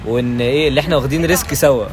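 Fast-talking young Egyptian man. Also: medium pitch, crowd noise. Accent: Egyptian Arabic. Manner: earnest, reasons at length. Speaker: podcast guest. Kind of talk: casual chat.

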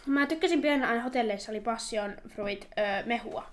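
A young woman co-hosting a podcast, chatting loudly and giggling, swearing freely as the drinks flow. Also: a little high. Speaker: podcast co-host. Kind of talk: casual tipsy chat.

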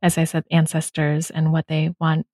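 A woman's voice: sits low, completely flat delivery, normal speed, mellow, dry recording. A woman hosting a podcast conversation, speaking in a thoughtful, reflective way. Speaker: podcast host. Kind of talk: casual conversation.

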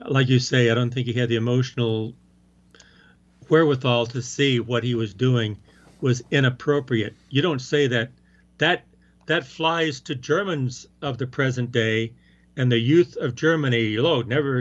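A man of ordinary pitch talking casually about a film, firm and emphatic. He keeps repeating his main point. The recording is dull and lo-fi. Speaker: co-host discussing a film. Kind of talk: casual chat.

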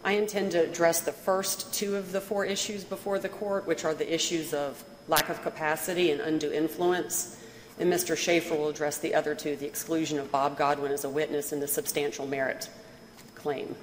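A woman lawyer making a formal, measured and precise oral argument to judges, with a deferential manner. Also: deep voice, flat delivery. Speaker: appellate lawyer. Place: courtroom. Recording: very echoey hall, faint noise.

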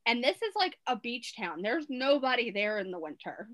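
A woman's voice: a little high, big pitch swings, normal speed, fairly bright tone. A woman with a Baltimore accent chatting casually and telling anecdotes. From Baltimore, USA. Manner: anecdotal storytelling. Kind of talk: casual chat.

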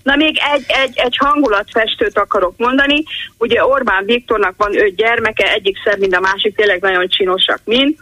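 Older female caller, retired teacher; tense, bright voice, dry sound, rambling digressive delivery. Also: mid-range voice, no room sound, poor audio. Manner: rambling, digressive storytelling with many restarts. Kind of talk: call-in radio chat.

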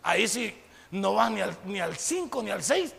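Un pastor con acento centroamericano, de voz sorprendentemente aguda para un hombre y muy áspera y granulosa, predica con mucha animación. Lanza preguntas retóricas y representa diálogos. Su voz resuena con una reverberación larga, como en un salón grande. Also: male voice, high-pitched, normal speed, vocal fry. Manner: animated preaching, rhetorical questions, acts out dialogues. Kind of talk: sermon.

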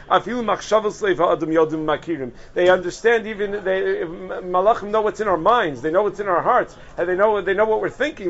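A man giving a casual halachic lesson on a podcast, explaining in a chatty way with frequent pauses and restarts. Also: high-pitched, fairly bright tone, muffled recording. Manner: explains conversationally with frequent "uh" and restarts, mixing Hebrew terms.

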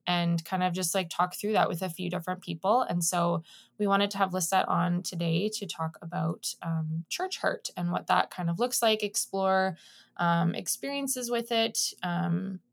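A woman's voice: fairly low pitch, fairly even intonation, normal speed, gravelly. A woman in her thirties co-hosting a podcast, chatting casually and informally in a rambling way as she introduces a guest. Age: 30s. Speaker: podcast co-host.

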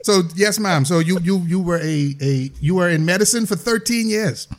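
A man's voice: sits high, moderate pace. A Bahamian man hosting a podcast, joking and teasing, often repeating and spelling out words. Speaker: podcast host. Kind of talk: casual joking chat.

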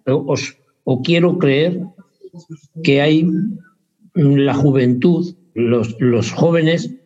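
A man's voice: a little high, extremely slow, warm tone. A man chatting in an interview, rambling and hesitant, often correcting himself. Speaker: interviewee, basketball parent. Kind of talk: casual interview chat. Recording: dull lo-fi sound.

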